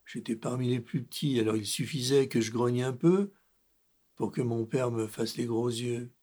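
A man's voice: mid-range voice, normal speed, darkish tone, close to an everyday voice. A man voicing a sad, lonely male lion, king of the animals, who grumbles and growls as he talks in a children's story. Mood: brooding. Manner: grumpy, growling, sighing.

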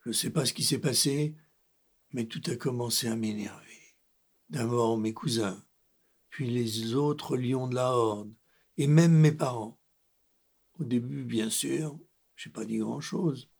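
A man's voice: mid-range voice, slow, creaky, long pauses, darkish tone, husky, full character voice. Man voicing a grumpy lonely lion king. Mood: brooding. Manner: grumpy, growling, sighing. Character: sad lonely grumbling male lion, king of animals.

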